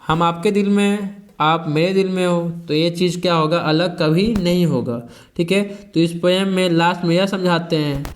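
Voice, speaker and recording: A young man teaching a poem in a casual mix of Hindi and English. He reads each line slowly, then explains it, often checking in with a quick filler. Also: high-pitched.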